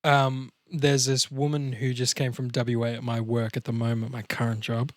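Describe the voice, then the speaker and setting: An Australian podcast host banters casually, telling stories in a rambling, digressive way full of swearing. His voice is medium in pitch and level in tone, moving at a moderate pace with no echo.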